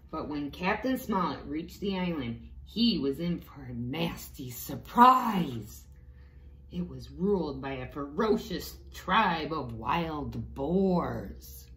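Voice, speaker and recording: Reading aloud to young children, a woman with a low, slightly bright voice brings a storybook to life expressively and adds little explanations along the way. The recording has an echoey room sound and faint background noise.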